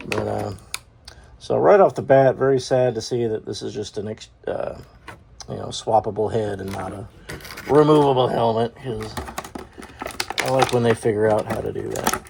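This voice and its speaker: A man's voice: fairly low pitch, vocal fry, a little hiss or hum. A man hosting his own toy review show, talking through an unboxing in a rambling, chatty way, often correcting himself with a chuckle. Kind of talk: casual unboxing chat.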